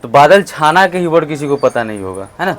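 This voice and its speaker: A man teaching English in a classroom, calling out prompts loudly and saying model phrases slowly for his students to repeat. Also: on the high side, very animated. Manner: loud call-and-response prompting, slow drawn-out model phrases. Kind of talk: classroom lesson.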